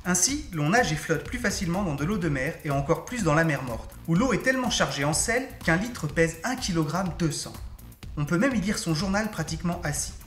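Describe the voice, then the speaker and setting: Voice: mid-range voice, animated, a little fast, fairly bright tone. A science presenter giving scripted explanations of demonstrations. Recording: roomy echo under music.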